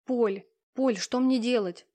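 A woman's voice: on the high side, slow pace, dark tone, pitched above the performer's own voice. A woman reading an audiobook, voicing a flustered young female student who talks hesitantly and anxiously.

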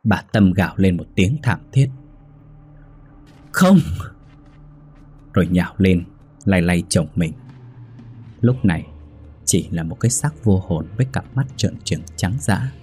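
A man narrating a dark story in a grave, measured voice. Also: deep voice, animated, husky.

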